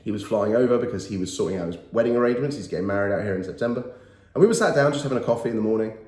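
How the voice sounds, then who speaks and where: A motivational YouTuber in his thirties, nasal from a cold, speaks to camera earnestly and emphatically, repeating his key phrases. His voice is on the low side, darkish, and very fast, with a roomy echo in the recording.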